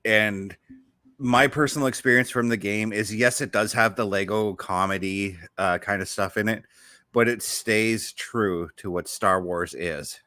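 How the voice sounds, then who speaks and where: In an unhurried, lowish voice that sounds pushed and bright, a show host chats casually about video games. He's enthusiastic and rambling, often reversing course mid-sentence, captured in a dry, studio-quality recording.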